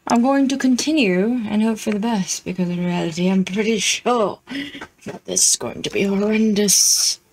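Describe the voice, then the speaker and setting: Here a female streamer chats wryly to herself through a casual playthrough. She speaks at medium pitch and normal speed with a darkish tone, on a low-quality recording with slight hiss or hum.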